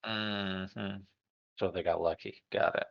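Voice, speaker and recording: A man co-hosts a book podcast, chiming in with teasing jokes. His low voice has a gravelly edge, and it comes through a dull lo-fi microphone. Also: fairly even intonation, slow pace, no room sound. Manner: teasing, jokey interjections. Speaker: podcast co-host. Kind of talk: casual book discussion.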